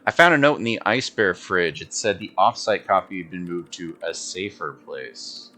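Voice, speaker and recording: A man's voice: sits low, animated, moderate pace, pushed and bright. A man giving casual gameplay commentary, thinking aloud informally and reading dialogue options out. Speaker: game streamer.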